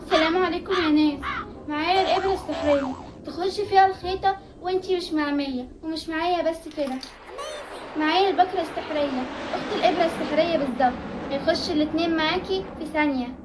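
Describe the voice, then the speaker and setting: A woman voicing a pushy metro peddler who runs through a sing-song sales pitch in an Egyptian accent, as a comedy sketch figure. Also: fast, background noise. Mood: hawking. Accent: Egyptian Arabic. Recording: loud music underneath.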